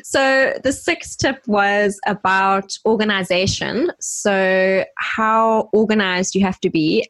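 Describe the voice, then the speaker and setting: A chatty woman co-hosting a podcast, her voice at a middle pitch for a woman. She talks casually and breaks into high giggles often. The sound is dry and close, with no room echo. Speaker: podcast co-host.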